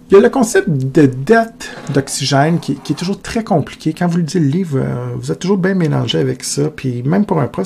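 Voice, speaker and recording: A male teacher with a Québécois accent explains a lesson conversationally in a recorded lecture video, speaking directly to students and asking questions aloud. His voice is slightly high, creaky, and mellow, with slight background noise.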